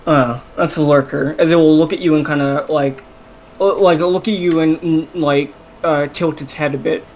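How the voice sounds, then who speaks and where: A man's voice: fairly high pitch, steady tone, moderate pace, a little mellow, slight background noise. A man narrating as game master, hesitant and full of fillers.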